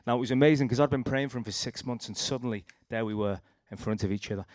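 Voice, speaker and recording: A man's voice: mid-range voice, quick pace, darkish tone, dry recording, studio quality. A young man with a Liverpool accent giving a rambling personal testimony, telling his story with restarts and acted-out quotes. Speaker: speaker sharing a testimony.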